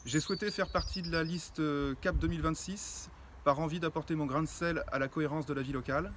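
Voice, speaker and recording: A man introducing himself as a local election candidate, in a composed, deliberate way. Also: on the high side, steady tone, a bit bright, slight background noise. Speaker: municipal list candidate. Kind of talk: scripted self-introduction.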